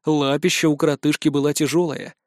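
A man reads a fantasy audiobook in a steady, storytelling way. His voice sits fairly high. The recording is dry with no room sound. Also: fairly quick, no echo. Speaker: audiobook narrator. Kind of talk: scripted audiobook narration.

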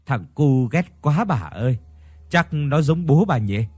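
A man's voice: a little high, expressive, unhurried, a little mellow, no echo. A man voicing a polite, elegant young woman stranger in a spoken ghost story, using his own reading voice.

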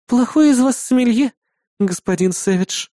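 A man's voice: very high voice, animated, moderate pace, mellow, no echo, clean studio sound, pitched above the performer's own voice. A man voicing a coy, teasing young woman.

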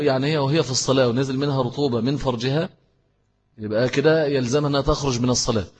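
A man with an Egyptian Arabic accent gives a religious lesson, his voice very breathy and airy. He explains step by step and repeats key phrases for emphasis. The sound carries a long reverb, as if recorded in a large hall. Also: medium pitch, darkish tone. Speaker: Islamic teacher. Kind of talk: religious lesson with answers to questions.

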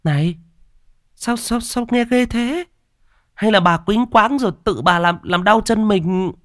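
Doubtful village woman, as a male narrator puts her on, high pitch, questioning, dry sound. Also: measured pace, fairly bright tone, no echo.

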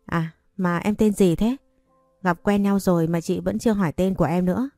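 A gracious rich young wife speaks with friendly warmth, as a woman storyteller reads her part. The voice stays low and mellow, recorded close and dry. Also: fairly even intonation, moderate pace, dry recording, soft background music, lightly acted. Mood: cheerful. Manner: friendly, warm praise.

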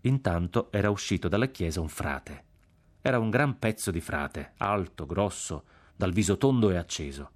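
A man narrates a literary novel in a measured, grave manner. His voice sits fairly low and moves steadily through long sentences. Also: lively intonation. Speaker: audiobook reader.

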